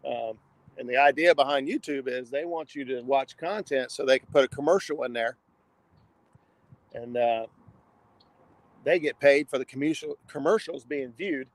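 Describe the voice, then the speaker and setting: A man with a gravelly voice chatting casually and in a folksy way as he hosts an outdoor fishing livestream, sometimes reading comments aloud. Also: mid-range voice, normal speed, long pauses, no room sound. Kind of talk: casual live chat while fishing. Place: outdoors on a riverbank. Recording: noisy outdoor livestream with traffic sounds.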